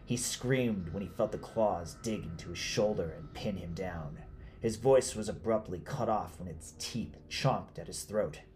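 A man reading a horror story aloud in a steady, grave storytelling manner. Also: low-pitched, unhurried, soft background music. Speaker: narrator. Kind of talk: scripted horror narration.

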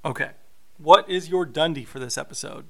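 A man co-hosting a podcast, talking through a TV episode in a measured, explanatory way. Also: a little high, creaky, sharp tone. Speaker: podcast co-host. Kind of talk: casual recap chat.

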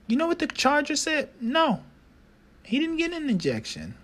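A podcast host ranting about his team in a loose, casual way. This man swears freely and circles back to repeat his points. His pitch swings widely from low grumbles to high excited bursts. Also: moderate pace. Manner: excitable, profane, repeats himself. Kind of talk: casual sports podcast rant.

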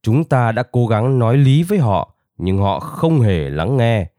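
A man voicing the oldest and wisest male rabbit in a storybook, slow and resigned. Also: mid-range voice, animated, dark tone, dry recording, studio quality, close to an everyday voice.

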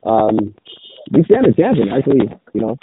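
A man with a fairly low, sing-song voice co-hosts a podcast in casual chat at a moderate pace. His voice is muffled as if through a sweater on a noisy, phone-like line, and he rambles with casual swearing and lots of restarts.

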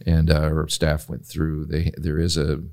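Deep, gravelly man co-host. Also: completely flat delivery, a little slow, darkish tone. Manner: hesitant, many "uh"s. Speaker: podcast co-host. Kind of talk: casual interview.

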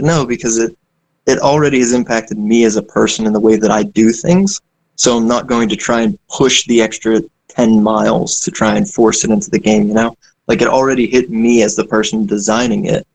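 A man's voice: fairly low pitch, a little mellow, poor audio. A young man, an indie game developer, talking in a rambling, casual way with many fillers and asides. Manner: rambling, self-deprecating, frequent fillers. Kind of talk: casual conversation.

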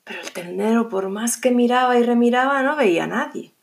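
A middle-aged woman narrating a children's story, expressive and unhurried. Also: fairly high pitch, gravelly. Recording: music bed.

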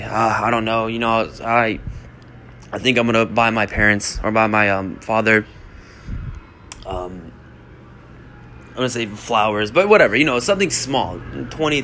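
A young man hosts a podcast in a casual, rambling monologue, blunt and quick to swear as he urges listeners on. His voice sits a little low but comes across bright and forceful. A faint hiss of noise lies under him. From United States. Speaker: podcast host.

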